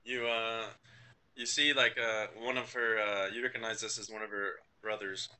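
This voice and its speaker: Bright-toned man running a game. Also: fairly low pitch, level tone, normal speed. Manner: casual, hesitant, full of fillers. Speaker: game master. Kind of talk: narrating a tabletop game.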